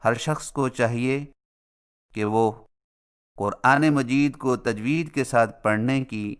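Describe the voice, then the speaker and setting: A man giving a formal, scripted lesson on Quran recitation, speaking in measured short phrases. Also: medium pitch, smooth. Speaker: religious instructor.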